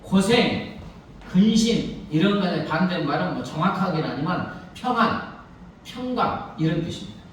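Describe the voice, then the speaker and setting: Pastor, male, animated sermon delivery with a wide-ranging voice, heard from a distance in a very echoey church. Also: sits high, normal speed, slight background noise. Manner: storytelling, rhetorical questions to the congregation. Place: church sanctuary. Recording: echoey hall, mic from far off.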